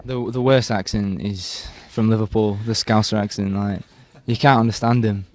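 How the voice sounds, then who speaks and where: Chatty young Yorkshire man, low voice. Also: fairly even intonation, normal speed. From Yorkshire, England. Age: young adult. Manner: chatty and laughing, with frequent fillers. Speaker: university student, torch relay participant. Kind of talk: casual interview chat.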